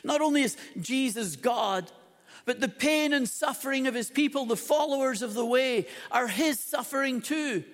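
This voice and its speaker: Male preacher, high voice, dramatic and emphatic sermon delivery, long echo of a big hall. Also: normal speed, fairly bright tone.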